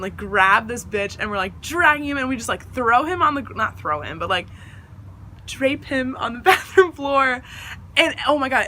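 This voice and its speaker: A young woman tells a casual storytime vlog with a bright, sharp-edged voice pitched a little high. She rambles through heavy fillers and jumps into animated impressions of the people she quotes. A faint hiss sits under her voice. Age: young adult. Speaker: vlogger.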